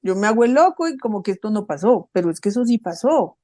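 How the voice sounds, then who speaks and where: A middle-aged woman co-hosting a podcast, talking in an animated, emphatic storytelling way. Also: mid-range voice, quick pace, dry recording. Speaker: podcast co-host. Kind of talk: casual conversational talk.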